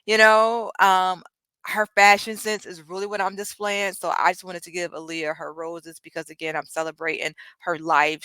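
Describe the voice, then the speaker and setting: A woman in her thirties co-hosts a casual hip-hop podcast, chatting with enthusiasm and plenty of ums. Her voice is bright and forward, recorded dry and close with no room sound. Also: lowish voice, no echo, low-quality recording. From Detroit. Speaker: podcast co-host. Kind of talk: casual chat.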